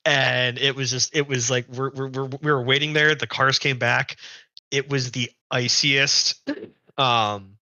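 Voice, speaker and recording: A young adult man, a guest racer, telling long animated anecdotes in casual podcast chat, often restarting his sentences. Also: medium pitch, a little slow, no room sound.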